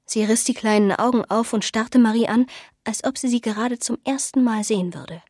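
A woman narrating an audiobook in a measured, even storytelling manner. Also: a little high, husky, dry recording, clean studio sound.

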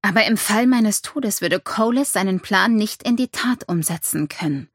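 A woman reading an audiobook, voicing a brooding, guarded male god in a measured, clipped way. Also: medium pitch, lively intonation, husky, no echo, clean studio sound. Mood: grim.

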